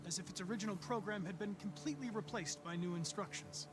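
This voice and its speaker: An actor playing a polite, composed android detective who speaks in an even, formal way, heard through game audio with ambient noise. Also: male voice, high-pitched, fast, music in the background, natural voice.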